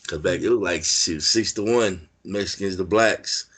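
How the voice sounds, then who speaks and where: Man, californian accent, very low voice, rambling, filler-heavy, casual interview storytelling. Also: normal speed, a bit bright, breathy edge. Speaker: interview guest, former prisoner.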